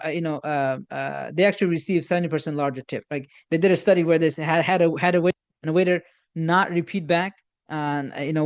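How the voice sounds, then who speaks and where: A man with a slightly raised pitch teaches communication skills in a loose workshop style. He stumbles and restarts often, filling gaps with "um" and "you know." He acts out sample conversations and weaves in Islamic religious phrases. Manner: halting, many repeated starts and fillers; uses Islamic religious phrases and Arabic quotes. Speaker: instructor on communication. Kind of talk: informal workshop lecture.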